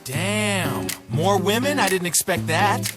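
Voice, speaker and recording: A man's voice: high voice, sing-song, takes it slowly, over loud music, full character voice. A man voicing flirty fruit guy Brian. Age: 20s.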